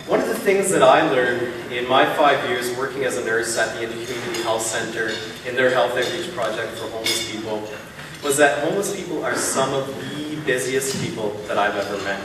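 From a podium on stage, a Canadian keynote speaker in his thirties delivers a public speech in a medium-pitched voice, earnest and steady as he persuasively stacks points in rhythmic runs. His words ring through a big, reverberant hall. Captured on a podium mic but filmed from well back in the room, the recording has a clear hum of ambient noise underneath.

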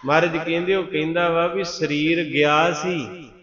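A man preaching a Sikh katha sermon, telling stories and chanting verses slowly, asking the congregation to answer. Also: on the high side, fairly even intonation. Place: large gurdwara hall with live congregation. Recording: echoey dull hall recording with crowd.

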